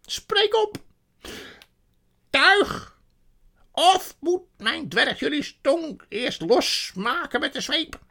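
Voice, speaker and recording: A man's voice: very high voice, very animated, very slow, gravelly, pushed and bright, pitched above the performer's own voice, full character voice. Man doing a shrieking furious witch queen. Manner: screeching, commanding. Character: shrill cruel queenly witch, imperious and furious.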